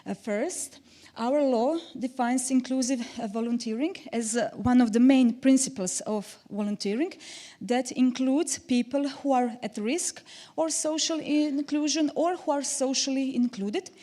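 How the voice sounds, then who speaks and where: Nervous-ish woman presenting in a big hall, lots of uhs, kinda high pitched. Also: measured pace, warm tone. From Croatia. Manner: hesitant, many filler sounds. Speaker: presenter, social pedagogue. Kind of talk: conference presentation.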